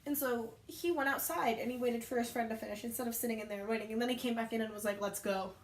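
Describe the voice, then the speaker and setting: A woman's voice: on the high side, fairly even intonation, fast, slight background noise. A young woman casually telling rambling stories about her work, often correcting herself as she goes. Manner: rambling, chatty, self-correcting. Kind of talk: casual storytime chat. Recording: echoey room.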